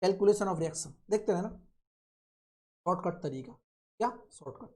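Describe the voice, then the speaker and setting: A man's voice: high-pitched, animated, darkish tone. A man teaching engineering in a recorded online lecture, drawing out and repeating key phrases and asking and answering his own questions. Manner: slow, drawn-out repetition of key phrases. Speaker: engineering tutor.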